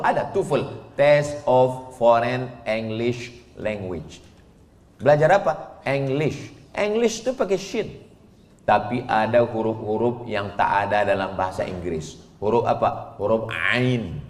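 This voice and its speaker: A man, preaching in a lively religious lecture, teasing the crowd with questions and chanting verses. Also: medium pitch. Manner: playful, teasing questions, chanted Quran recitation. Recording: echoey hall with long reverb.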